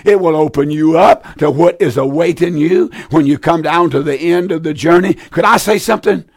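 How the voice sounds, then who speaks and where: On a live Bible show, a man with a fairly high voice preaches and takes calls at a moderate pace, recorded with studio quality and no echo. His voice is weak and strained from preaching. He exhorts earnestly in a plain, folksy style, repeating phrases.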